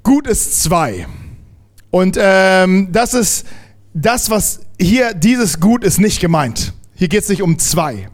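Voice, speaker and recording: High-voiced, lively German preacher. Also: male voice, takes it slowly. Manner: lively, emphatic preaching with restarts and acted quotes; casual slang mixed into preaching. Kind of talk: sermon.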